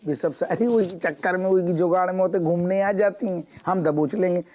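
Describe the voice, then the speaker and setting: A man's voice: high-pitched, fairly quick, darkish tone, natural voice. A man playing a bumbling constable. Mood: comic. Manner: rustic, cajoling, comic. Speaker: police constable. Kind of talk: sitcom acting.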